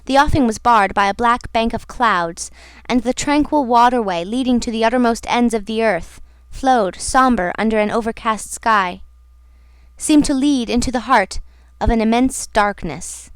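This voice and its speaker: A woman reading a classic novel aloud as an audiobook narrator, in a measured, somber manner. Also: fairly high pitch, clean tone, no echo. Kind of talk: scripted narration.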